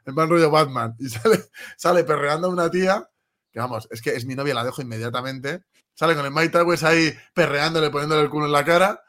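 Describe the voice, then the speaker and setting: Male co-host, blunt and scornful, slightly higher voice, casual chat. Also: steady tone, fast, a bit bright. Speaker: podcast co-host.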